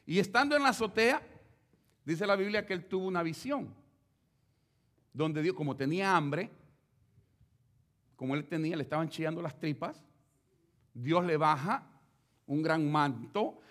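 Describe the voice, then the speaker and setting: A man preaching a sermon, speaking straight to his listeners with rhetorical questions. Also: on the high side. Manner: animated, addresses listeners directly with rhetorical questions.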